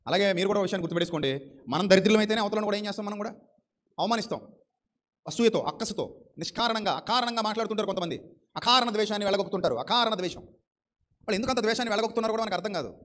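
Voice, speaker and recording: A man's voice: high-pitched, racing, a bit bright. A man preaching a sermon with fervent repetition and rhetorical questions.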